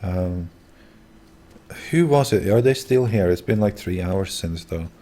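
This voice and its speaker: A man's voice: deep voice, lively intonation, measured pace, mellow. A man hosting a livestream, talking casually to his viewers and guests. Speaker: livestream host.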